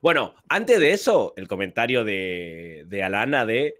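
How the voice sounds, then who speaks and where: A man's voice: lowish voice, sing-song, measured pace, a bit bright, dry recording, studio quality. A man from Spain with a Spanish accent, chatting casually on a call and explaining his views at length.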